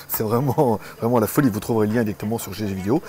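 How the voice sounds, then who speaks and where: A man's voice: fairly low pitch, very fast, mellow. A man chatting through a casual product review, rambling and correcting himself mid-sentence on a wireless lapel mic. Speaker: tech reviewer.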